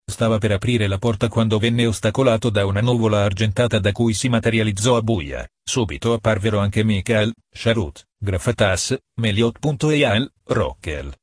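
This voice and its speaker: Husky low-voiced man narrating. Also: animated, moderate pace, hardly any pauses, dry recording, studio quality. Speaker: audiobook narrator. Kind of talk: scripted narration.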